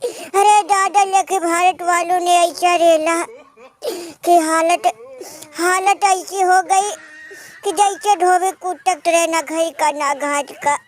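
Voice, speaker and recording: Cartoon comedy: a fussy rustic villager, piping high and drawn out, wailing in sing-song. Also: male voice, steady tone, slow. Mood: wailing lament. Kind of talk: comic cartoon voice.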